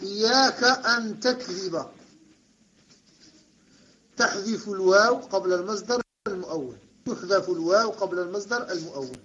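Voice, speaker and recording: High bright-voiced male grammar teacher. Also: moderate pace, long pauses, highs cut off. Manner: repeats and corrects students' answers, praises with short "good". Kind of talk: classroom grammar lesson.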